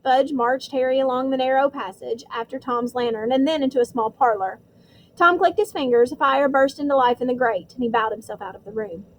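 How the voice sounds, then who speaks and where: A woman with a high voice reads a storybook aloud, steady and clear with dramatic stresses. She narrates in an even, practiced audiobook manner. A faint hiss runs underneath. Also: a little fast, rough recording. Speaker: audiobook reader.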